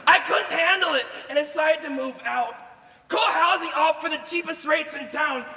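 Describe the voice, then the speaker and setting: Woman playing a shrill, very old grandma on stage. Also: normal speed, pushed and bright. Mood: wistful. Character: very old widowed grandma, sweetly forward and doting. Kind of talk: stage musical acting. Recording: echoey hall, distant, noisy stage recording.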